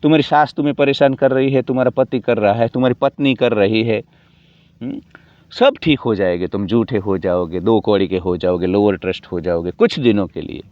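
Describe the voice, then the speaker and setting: Low-voiced man preaching sarcastic life advice. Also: fairly quick, no room sound. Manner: preachy, ironic, swings between loud outbursts and low mutters. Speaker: motivational video creator. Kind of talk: sarcastic motivational monologue. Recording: dull dry recording.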